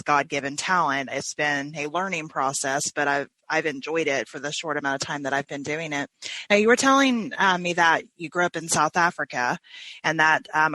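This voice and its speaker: Bright, chatty woman hosting an interview. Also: low voice, no echo, poor audio. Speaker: podcast host. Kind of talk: conversational interview.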